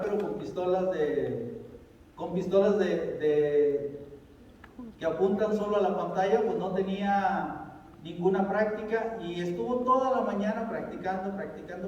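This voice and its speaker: Preacher telling a story in an echoing hall. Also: male voice, high-pitched, dark tone. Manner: conversational, asks the audience questions. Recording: echoey hall from far off, dull sound.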